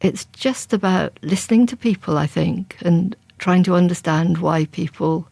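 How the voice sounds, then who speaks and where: Speaking in a fairly low voice with some vocal fry, this English woman, a crime writer, is an interview guest who reflects aloud conversationally and frequently starts over. The pace is normal, the tone slightly mellow, and the recording dry and studio-clean.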